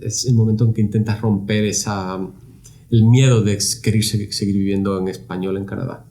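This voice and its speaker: A middle-aged Spanish man, a university lab director appearing as a guest, has a lowish, creaky, mellow voice. He answers interview questions reflectively, often repeating words while he searches for the right phrasing.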